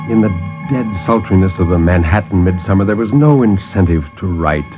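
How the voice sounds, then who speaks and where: A storyteller and co-host delivers a horror story with theatrical flair, echoing literary radio storytelling of the 1950s. He speaks briskly in a low, expressive voice, and the old recording is muffled and accompanied by music.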